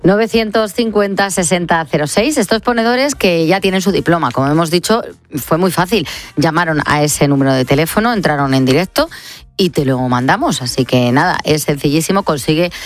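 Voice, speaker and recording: A woman hosting a late-night radio show from a studio, chatting in a relaxed way with frequent laughs. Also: deep voice, brisk. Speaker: radio host.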